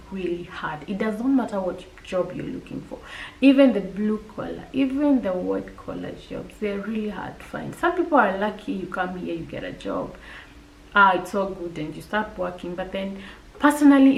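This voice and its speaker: A woman's voice: mid-range voice, creaky, reverberant, distant mic, slight background noise, low-quality recording. A woman with a Kenyan accent, chatting directly to viewers and giving practical advice in a casual vlog. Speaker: vlogger. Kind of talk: casual advice talk to camera.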